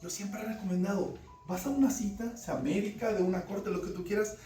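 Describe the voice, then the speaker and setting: A man preaching a fervent sermon, swinging between loud emphasis and quiet asides. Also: high voice, fairly even intonation, brisk. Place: church service. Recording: roomy church sound from a distant mic, faint music behind.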